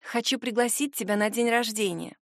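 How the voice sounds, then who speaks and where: A woman reading the lines of a gentle, hopeful young female mage who is a friend. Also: on the high side, brisk, no room sound, clean studio sound, close to an everyday voice. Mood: gentle, cheerful.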